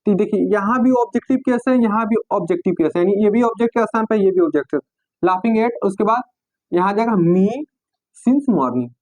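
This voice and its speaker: High-voiced Hindi-accented male teacher. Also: lively intonation, a little mellow, no echo, low-quality recording. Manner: slow, spells out words and dictates sentences word by word. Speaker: English grammar teacher. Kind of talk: classroom lesson.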